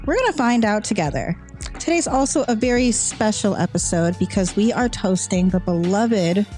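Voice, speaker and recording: A woman's voice: medium pitch, mellow. A woman co-hosting a podcast, earnest and effusive, often repeating her thanks. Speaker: podcast co-host. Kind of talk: casual chat.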